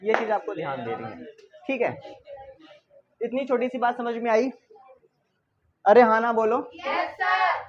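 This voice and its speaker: A man's voice: extremely high pitch, lively intonation, normal speed, pauses often, noisy background. A male teacher giving a grammar lesson, constantly asking rhetorical questions and repeating the key words, with a playful, chiding manner. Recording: dull lo-fi recording.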